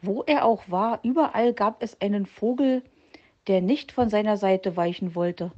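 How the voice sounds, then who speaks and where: A woman narrating a children's story in a lively, expressive scripted reading. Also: mid-range voice, moderate pace, lo-fi sound.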